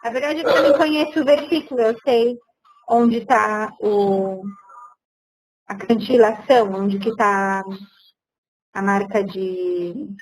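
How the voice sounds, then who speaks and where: A woman's voice: medium pitch, slow pace, pauses often, rough recording. A woman teaching Hebrew grammar in an online seminar, explaining patiently and sometimes searching for words, on a computer mic.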